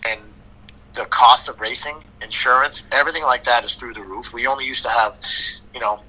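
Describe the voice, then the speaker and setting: A man's voice: mid-range voice, fairly even intonation, brisk, bright, forceful tone, breathy edge, rough recording. Blunt, gritty-voiced man talking racing. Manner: blunt, opinionated, many restarts. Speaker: guest, longtime motocross racer. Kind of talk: casual podcast conversation.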